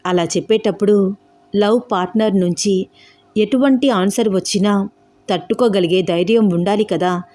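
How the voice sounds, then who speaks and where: A woman voicing a calm young man in a storybook romance, reasoning patiently and persuasively. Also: medium pitch, normal speed, lightly acted. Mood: earnest.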